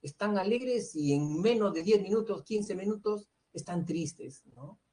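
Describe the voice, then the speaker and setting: A man with a Peruvian Spanish accent teaches a pre-university psychology class. He explains step by step, asks questions and answers them himself, ends nearly every phrase with a questioning "¿no?", and fills pauses with "este" and "eh". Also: high voice, dark tone. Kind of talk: online lecture to students.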